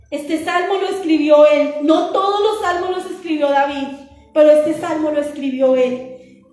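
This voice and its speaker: A woman preacher giving an earnest, repetitive sermon with a sing-song cadence. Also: high-pitched. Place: church. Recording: very echoey church with soft music behind.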